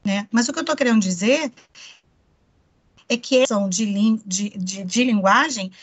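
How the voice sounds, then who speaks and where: A woman with a Brazilian accent gives an online psychoanalysis lecture, explaining things and often checking in with the listener through frequent tag questions of "né." Her voice is mid-range and slightly rough, at a normal speed.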